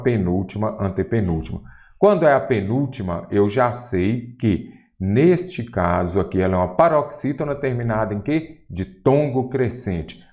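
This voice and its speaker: A man with a Brazilian Portuguese accent teaching a grammar lesson for exam prep, talking straight to the viewer and asking questions as he goes. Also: lowish voice. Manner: didactic, lively, addresses viewer directly with questions.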